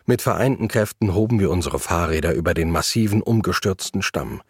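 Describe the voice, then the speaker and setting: A low-voiced man reads a first-person travel story in measured, reflective narration. His voice is husky and breathy. The recording is dry and close, with no room sound. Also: lively intonation, dry recording.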